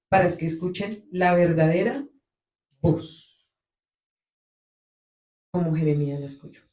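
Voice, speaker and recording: A woman preaching a sermon to her congregation. She talks with emphasis, swelling and dropping her loudness to stress her points. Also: on the low side. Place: congregation meeting room. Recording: echoey room.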